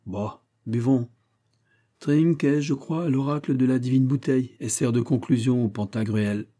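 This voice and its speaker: A man's voice: medium pitch, normal speed, dark tone, natural voice. A man reading the lines of a sardonic, tipsy young man at a feast, mocking with a sadly clownish air. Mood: mock-gloomy.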